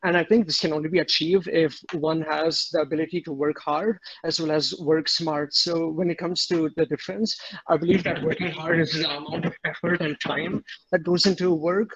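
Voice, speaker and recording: A man's voice: on the high side, a bit bright, muffled recording. A young man from Switzerland, an admission candidate in an online interview, giving a polished self-introduction and hesitating on quiz questions. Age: young adult. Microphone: computer microphone on a video call.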